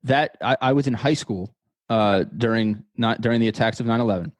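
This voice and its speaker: A man's voice: mid-range voice, brisk, no room sound. A man in his thirties from the United States, a podcast guest talking in a casual interview, thoughtful and often repeating words as he thinks. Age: 30s.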